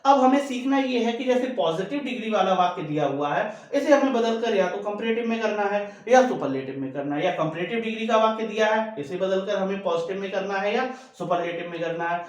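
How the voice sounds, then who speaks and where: A man teaching English grammar, explaining step by step and repeating each key rule. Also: high voice. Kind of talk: classroom-style grammar lesson. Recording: very echoey room.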